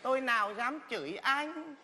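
A man's voice: very high voice, animated, moderate pace, heavily acted. A man playing a fussy, easily offended older mother-in-law who wails and complains dramatically. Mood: huffy. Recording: loud crowd and background noise.

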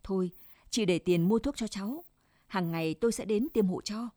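A woman reading the part of a calm, kindly old male doctor in a told story, speaking reassuringly. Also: mid-range voice, moderate pace, no echo, clean studio sound, lightly acted.

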